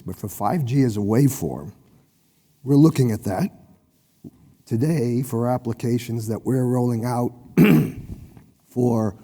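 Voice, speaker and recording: A hoarse man who has lost his voice, speaking technically on an industry panel and clearing his throat often. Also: medium pitch, dark tone, big-room sound. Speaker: panelist, satellite operator executive.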